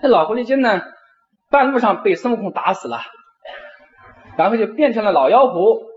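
A middle-aged man, a university professor, giving a lecture and telling stories with drawn-out particles. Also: high-pitched, lo-fi sound. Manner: animated storyteller, frequent drawn-out particles. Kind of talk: lecture with storytelling.

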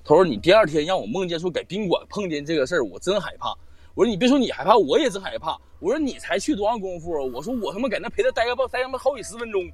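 A man's voice: sits high, rapid-fire, slightly rough. A man telling a ghost story in casual chat, swearing and acting out quoted lines. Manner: swearing, animated retelling with quoted dialogue. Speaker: storyteller guest on a live-stream show.

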